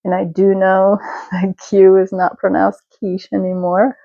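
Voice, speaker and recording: In a relaxed show-and-tell chat, a woman hosts her knitting podcast; she comes from Europe and her native language is Czech. She talks slowly and chattily with small self-corrections, her medium-pitched voice soft, dark, gravelly, and rather monotone. The lo-fi home recording is dry and slightly dull, with no room sound.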